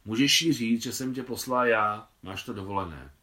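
A man's voice: fairly low pitch, sharp tone. A man reading a novel aloud, voicing an imperious older woman who speaks bluntly and knowingly. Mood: commanding.

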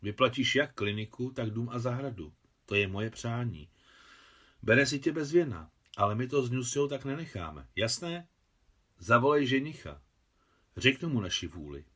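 A grieving widow speaks in a quiet, measured and chilly way, as a male reader puts her on. Her lines sit somewhat higher than the narration and stay restrained, with the feel of an audiobook. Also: expressive. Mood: cold. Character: cold grieving widowed older woman.

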